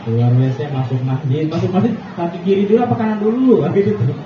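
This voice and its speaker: A man, giving a relaxed religious talk to a room of parents. He chats, chuckles and keeps putting questions to the listeners. The recording is dull and noisy, caught from some way off in a roomy, echoing space. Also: high-pitched, fast talker, distant mic. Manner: chatty, asks the audience questions, chuckles often. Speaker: preacher addressing parents. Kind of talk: casual religious talk to an audience.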